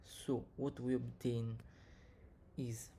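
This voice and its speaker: A man who is not a native English speaker teaches physics step by step, dictating equations in short, halting pieces. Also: mid-range voice, level tone, mellow, a little hiss or hum. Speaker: physics tutor, video presenter. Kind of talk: step-by-step maths lesson, reading out equations.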